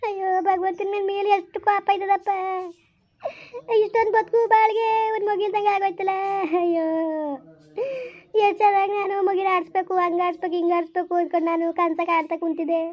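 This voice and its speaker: A woman's voice: very high-pitched, level tone, brisk, highs cut off. A woman playing a grieving older village mother-in-law who cries to God and longs for a grandchild. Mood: wailing grief. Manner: wailing lament full of cries to God.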